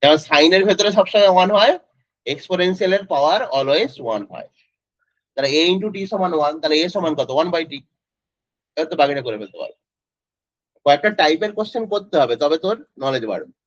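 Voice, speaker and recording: A man's voice: on the high side, expressive, fast, no room sound. A male physics tutor, teaching an online class in a casual way and quizzing students by name. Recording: dry, slightly dull lo-fi audio.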